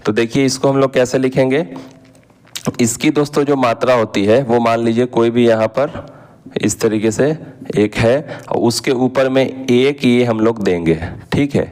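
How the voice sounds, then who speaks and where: A patient man walks viewers through vowel signs as he writes, talking at an everyday pitch. He keeps checking in with them, and he slows down and stretches the sounds he wants them to catch. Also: steady tone, a little mellow. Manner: patient, repeats "ठीक है" and "दोस्तों" often. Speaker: Hindi teacher. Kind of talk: explaining while writing on a board.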